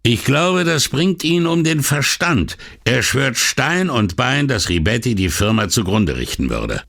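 A man's voice: mid-range voice, big pitch swings, unhurried, creaky, fairly bright tone, pitched above the performer's own voice, exaggerated voice. A man voicing a boastful, coarse older workman who gossips bluntly and is proud of himself. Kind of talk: audiobook dialogue reading.

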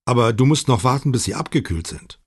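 A man voicing a calm, matter-of-fact middle-aged mother who talks briskly. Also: mid-range voice, husky, pitched above the performer's own voice.

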